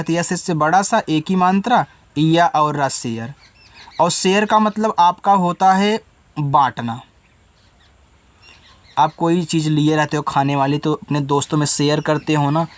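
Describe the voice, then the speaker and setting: A man teaching beginners English spelling, reading out words letter by letter, slowly and patiently. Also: on the high side, no echo. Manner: patient, coaxing teacher talk.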